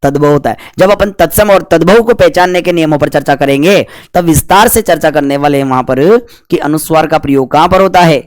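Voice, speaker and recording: A man's voice: on the high side, a little fast, dry recording, clean studio sound. A man teaching a Hindi grammar lesson for exam preparation. He asks questions and answers them himself, and he stretches out syllables to demonstrate pronunciation.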